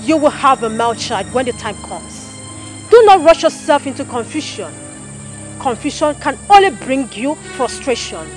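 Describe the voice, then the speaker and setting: A woman's voice: high-pitched, big pitch swings, moderate pace, faint music behind. A woman playing a benevolent forest goddess in a film drama, serene and solemn, with a Nigerian accent.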